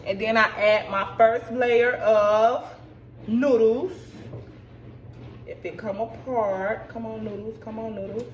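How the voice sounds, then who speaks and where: A woman's voice: on the high side, fairly even intonation, takes it slowly. Woman, tipsy, chatty cooking walkthrough, home kitchen, distant camera mic, noticeable room noise. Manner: chatty, talks to viewers as "y'all". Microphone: camera set back at counter.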